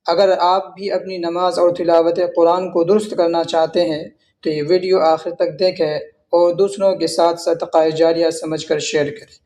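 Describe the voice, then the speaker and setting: High-voiced man teaching Quran pronunciation. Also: little pitch movement, darkish tone. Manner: patient, explanatory, repeats rules step by step. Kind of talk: tajweed lesson with slow recitation.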